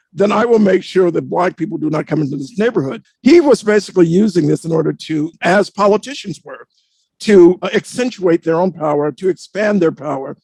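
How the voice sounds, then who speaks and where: A man with a high, darkish, slightly rough voice and some vocal fry speaks as a panelist, offering reflective commentary in a deliberate, articulate manner and formal wording. There's no echo on the recording.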